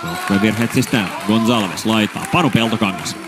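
A man's voice: lowish voice, a loud crowd, very noisy. A man doing live play-by-play basketball commentary, rattling off player names and bursting out on big plays. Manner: rapid name calls, bursts of excitement on baskets.

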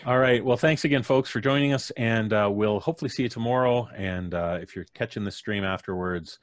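Speaking briskly in a mid-range voice, a middle-aged man trades playful jokes while hosting a live stream indoors in his home studio. He's wearing headphones and sits close to a studio mic on a boom arm, and the sound is dry.

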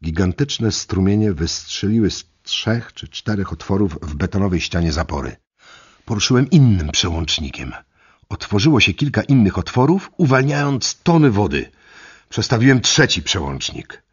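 A man narrating an audiobook in the first person, reading dramatically with big swings in loudness. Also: fairly low pitch, breathy edge. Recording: dull lo-fi audiobook recording.

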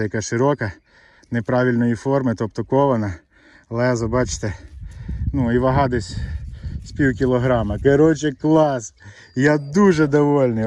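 A man giving excited, chatty commentary outdoors while digging, talking straight to his viewers. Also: mid-range voice, no room sound. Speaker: metal detecting vlogger. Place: outdoors in the Carpathian countryside.

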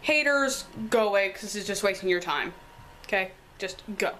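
A teenage girl, hoarse from a cold, chatting apologetically with lots of fillers as she films a tour of her bedroom. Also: mid-range voice, expressive, normal speed, sharp tone, slight background noise, rough recording. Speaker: vlogger. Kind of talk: casual room tour vlog. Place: bedroom at home.

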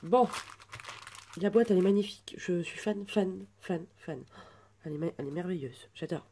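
A woman in her twenties chatting through an unboxing at home, gushing with soft exclamations. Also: fairly low pitch, normal speed, slight background noise. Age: 20s. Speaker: vlogger unboxing a birthday gift. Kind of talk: casual unboxing chat.

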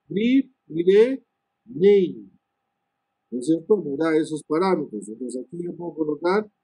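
Slow, husky-voiced man teaching switch commands. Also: high voice, dark tone, no room sound, low-quality recording. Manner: unhurried, thinking aloud, tags lines with "¿no?"; many "este" fillers and restarts. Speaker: networking instructor. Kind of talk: live screen-share lesson on switch commands.

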